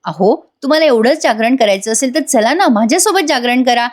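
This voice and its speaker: A woman voicing a young wife who gently scolds and teases her husband, in a recap voice-over. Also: fairly high pitch, lively intonation, brisk. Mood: teasing. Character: young wife, sweetly lecturing. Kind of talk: recap voice-over reading of a soap scene.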